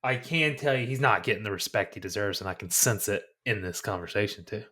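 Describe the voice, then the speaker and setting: Lower-voiced male co-host, earnest and eager, corrects himself mid-sentence. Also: fairly quick, sharp tone, slightly rough. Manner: earnest, enthusiastic, self-correcting. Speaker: podcast co-host. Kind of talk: casual movie chat.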